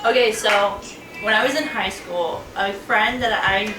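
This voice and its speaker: A woman's voice: medium pitch, steady tone, unhurried. A woman in casual, slangy chat, teasing her friends as co-host of a video. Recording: roomy echo, distant mic, music behind.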